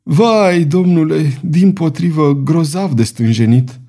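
Un bărbat care dă glas unui spadasin înlănțuit și slăbit, vorbind calm, politicos și ironic. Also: male voice, fairly high pitch, pitched above the performer's own voice. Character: chained, weakened male swordsman, cool and ironic.

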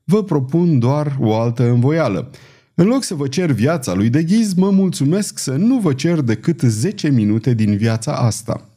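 A man voicing a bold, mocking male swordsman who speaks with calm, taunting defiance. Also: medium pitch. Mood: defiant.

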